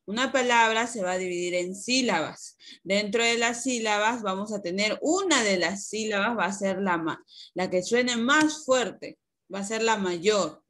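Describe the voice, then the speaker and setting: A woman's voice: mid-range voice, a little slow, fairly bright tone. Woman schoolteacher on a video call, patient, explains step by step, poses questions to the class and answers them herself. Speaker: primary school teacher. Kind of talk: online class lesson.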